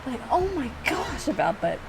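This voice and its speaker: Over music, a gaming reaction creator in her young adult years speaks in a fairly high, sing-song, gravelly voice at normal speed. She mocks herself casually while commenting, reads lines aloud, and frequently repeats what she says.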